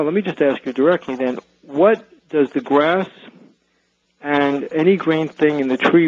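A man's voice: fairly high pitch, dry recording. Man calling in on a muffled phone line. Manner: hesitant, careful, pauses often. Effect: caller heard over a phone line on radio. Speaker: radio call-in caller. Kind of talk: call-in question to radio pastors.

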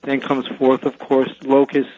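A man's voice: medium pitch, completely flat delivery, dry recording. A man calling in to a radio show over a phone line, asking his question in a hesitant, careful way. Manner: hesitant, careful, pauses often. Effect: caller heard over a phone line on radio. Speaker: radio call-in caller. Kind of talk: call-in question to radio pastors.

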